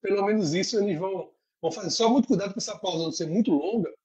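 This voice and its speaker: A man's voice: high voice, racing, darkish tone, slightly rough, poor audio. A man, a lawyer, giving practical advice in an interview and explaining step by step. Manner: didactic, explains in lists. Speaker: lawyer guest.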